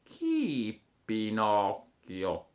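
A man voicing a placid, unhurried female snail in a storybook reading, with a slow drawl. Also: fairly low pitch, wildly swooping pitch, heavily acted.

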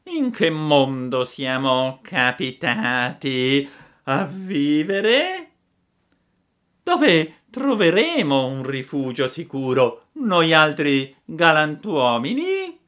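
A man voicing a sly, fawning fox swindler who speaks slowly in a drawn-out, mock-sorrowful way. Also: fairly high pitch, sing-song, a bit bright, pitched above the performer's own voice, heavily acted.

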